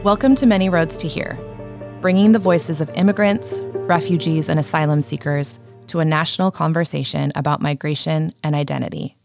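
Low-voiced woman hosting a radio show. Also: fairly even intonation, a little fast, gravelly, over music. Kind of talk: scripted narration.

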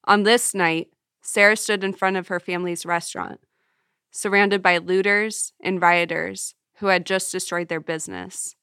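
A woman reporter narrates a documentary story from a script. Her voice is bright and crisp, slightly low in pitch, and recorded dry and close. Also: steady tone, normal speed, no echo.

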